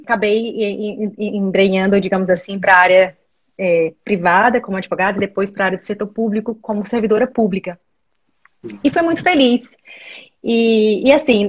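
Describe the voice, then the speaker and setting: A woman's voice: medium pitch, muffled recording. A woman in her thirties from Maranhão, Brazil, a lawyer and interview guest, answering thoughtfully over a video call with frequent "é" and "né" fillers.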